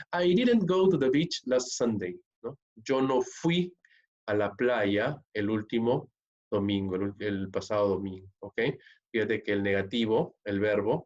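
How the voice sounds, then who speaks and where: A man's voice: mid-range voice, darkish tone. Man teaching grammar, checking "¿ok?". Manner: explains step by step, keeps checking with "¿ok?" and "¿no?"; slows down and stresses key words. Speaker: English teacher. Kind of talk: recorded grammar lesson. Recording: dull lo-fi recording.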